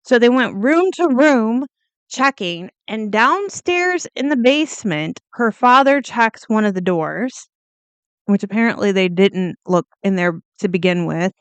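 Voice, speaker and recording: A woman's voice: medium pitch, animated, measured pace, smooth, no echo. A woman hosting a casual true crime video, talking bluntly and chattily, swearing now and then and drifting off on tangents.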